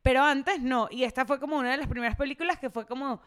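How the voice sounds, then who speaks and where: A young woman chats on a podcast. Her voice sits high and comes across smooth and clear. She talks loosely and fills her sentences with little filler phrases. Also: fast, fairly bright tone. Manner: chatty, lots of "o sea" fillers. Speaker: podcast co-host. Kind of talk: casual chat.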